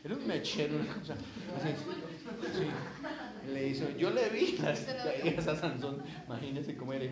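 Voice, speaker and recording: A man's voice: a little high, moderate pace, over a noisy crowd. A man preaching a humorous sermon to young people, telling the story with jokes and sound effects. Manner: animated storytelling, jokes, acting out voices. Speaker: pastor. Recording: roomy echo.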